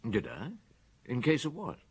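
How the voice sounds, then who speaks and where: An actor playing a shrewd middle-aged police chief inspector in an audio drama, questioning in a measured way with thoughtful hums. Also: male voice, medium pitch, very animated, breathy edge, exaggerated voice. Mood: reflective.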